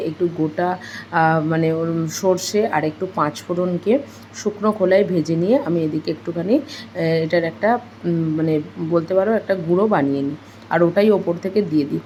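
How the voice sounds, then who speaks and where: A woman's voice: lowish voice, darkish tone, a little hiss or hum, poor audio. A young woman with a Bengali accent, narrating her daily homemaking vlog in a chatty, rambling way full of fillers. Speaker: homemaker vlogger.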